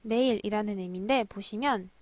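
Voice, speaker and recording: Young female tutor with a mid-pitch voice and a patient, drilling delivery, recorded dry and close. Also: darkish tone, no echo. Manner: slow careful spelling-out of words, repeating drills. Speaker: Russian language teacher. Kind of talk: language lesson explaining drama lines.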